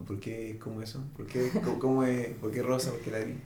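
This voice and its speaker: A man with a Chilean accent hosting a podcast in casual chat, excitable and full of slang. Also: mid-range voice, a little fast, a little hiss or hum. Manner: excitable, peppers speech with slang. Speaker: podcast host. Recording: echoey room.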